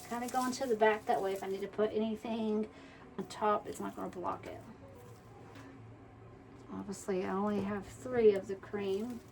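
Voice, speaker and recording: A woman's voice: medium pitch, fairly even intonation, moderate pace, gravelly, long pauses, darkish tone, far from the mic, low-quality recording. A chatty woman walks through a crafting project, half talking to herself as she works. Her voice sits a little back from the mic, with a faint hiss of background noise underneath. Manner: chatty, mutters to herself while working. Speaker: wreath-making tutorial host. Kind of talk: casual crafting tutorial.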